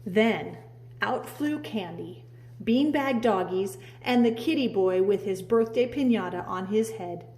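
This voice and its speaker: Female storybook narrator, preschool-teacher style: slow pace, expressive, stretches important words for drama. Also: medium pitch. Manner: dramatic, drawing out key words. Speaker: preschool teacher reading aloud.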